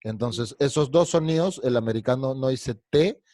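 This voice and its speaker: This is a man leading an online pronunciation class over a video call, encouraging and repetitive as he drills his students. His voice sits at an ordinary middle pitch, and the sound is dry and close with no room around it. He often slows to a crawl to stretch out the sounds he is modelling. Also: mellow, no room sound. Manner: drills words slowly with exaggerated sounds; patient, encouraging, repeats words often. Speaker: English pronunciation teacher.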